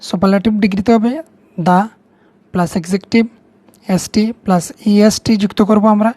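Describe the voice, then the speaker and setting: A teacher with a Bengali accent speaks at a medium pitch in a steady, warm tone and normal speed, with no room sound. She patiently walks students through English grammar step by step, repeating the key words.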